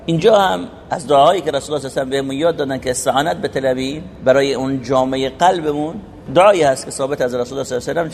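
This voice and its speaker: A man's voice: medium pitch, darkish tone, a little hiss or hum. A man teaching a religious poem in sermon style, asking rhetorical questions and reciting Arabic quotations. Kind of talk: sermon-like lesson explaining a poem.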